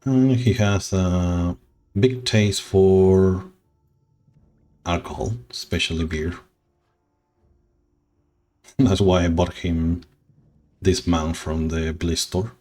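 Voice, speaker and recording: Slow, low-voiced sentimental male streamer. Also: steady tone. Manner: slow, sentimental, rambling with soft laughs. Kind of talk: casual game stream chat.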